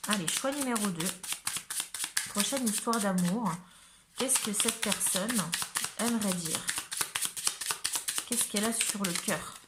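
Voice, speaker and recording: A woman's voice: medium pitch, slow, pauses often, heavy background noise. A woman from the Ardennes in France doing a chatty tarot card reading for viewers, with many fillers and asides. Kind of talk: casual reading addressed to viewers.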